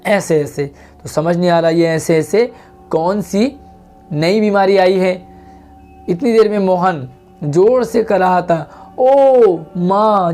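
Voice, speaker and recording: A man's voice: sits high, darkish tone. A man teaching a Hindi lesson to schoolchildren, patiently reading lines of a play aloud and then explaining them.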